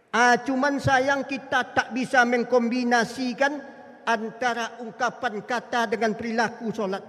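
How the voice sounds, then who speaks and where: A man's voice: very high-pitched, a bit bright. A man preaching a Ramadan dawn sermon in a mosque, addressing listeners as "Pak" and chanting Arabic prayer phrases. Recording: long hall reverb.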